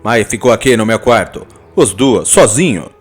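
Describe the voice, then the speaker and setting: A man's voice: lowish voice, expressive, soft background music. Man doing a jealous Italian husband. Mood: angry. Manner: loud, fast and scolding.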